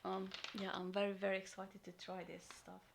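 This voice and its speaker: A woman vlogger unboxing and reviewing a military ration in casual talk, full of ums and sometimes dropping into a soft whisper. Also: mid-range voice, little pitch movement, fairly quick, creaky, heavy background noise. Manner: chatty, frequent ums, drops into soft whispers. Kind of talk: casual unboxing and taste test.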